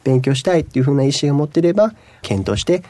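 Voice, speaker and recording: A young man speaking as a radio interview guest, earnest and measured with many pauses. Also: mid-range voice, very animated, mellow. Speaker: guest, school staff.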